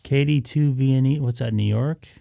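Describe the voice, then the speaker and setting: A man's voice: medium pitch, moderate pace, vocal fry, mellow, no echo. A man hosting a live stream, chatting casually and offhand as he thinks aloud.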